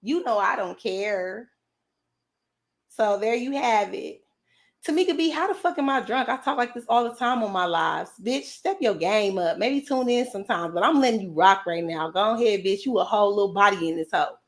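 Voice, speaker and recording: A woman's voice: mid-range voice, expressive, normal speed. A woman hosting a livestream, talking casually and confrontationally, brash and profane as she answers comments from her chat. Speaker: livestream host.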